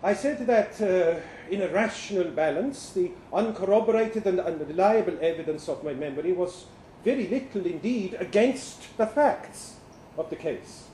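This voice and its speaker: A man reads a dramatic first-person short story at an indoor live literary event, voicing an earnest, bewildered professor from the future with formal, hesitant, precise diction. His voice sits high and sounds expressive and dark at a normal speed, resigned yet precise. The roomy venue has faint background noise.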